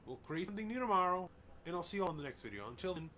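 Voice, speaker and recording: This gaming channel host, a native English speaker, has a high, lively voice and rapid-fire delivery as he reads game dialogue aloud in a casual let's play. He fumbles names and adds chatty asides, with loud music and slight background noise.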